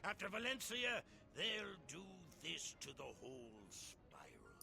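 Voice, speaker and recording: An actor playing a gruff, grim creature companion with a gravelly voice in a video game. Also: male voice, on the high side, wildly swooping pitch, a little slow, sharp tone, soft background music, full character voice.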